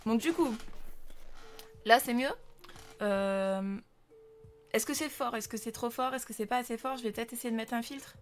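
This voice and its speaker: Young woman streamer from France, slightly high voice, loose chatty delivery, desk mic, faint music. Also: moderate pace, long pauses. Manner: chatty, lots of fillers, greets viewers. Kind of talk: casual live-stream chat. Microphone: desk microphone.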